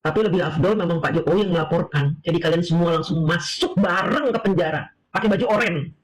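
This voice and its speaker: A man with a high voice gives casual reaction commentary. He mocks and taunts, throwing out one rhetorical question after another. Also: fast talker, poor audio. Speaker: reaction video host.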